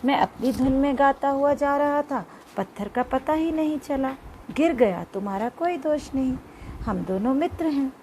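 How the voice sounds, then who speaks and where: A woman's voice: high voice, expressive, moderate pace, slight background noise. A woman voicing a kind, sensible young schoolboy in a storybook read aloud for children. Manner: gentle, caring.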